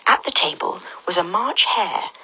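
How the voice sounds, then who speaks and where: A woman telling a storybook tale in a soft, half-whispered and gentle narration. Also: medium pitch, lively intonation, normal speed, slightly rough, low-quality recording.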